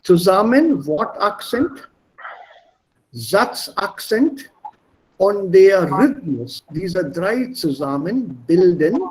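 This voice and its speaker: A man teaching German pronunciation in an online lesson, explaining slowly and deliberately and switching between German and English. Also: sits high, big pitch swings, darkish tone, rough recording.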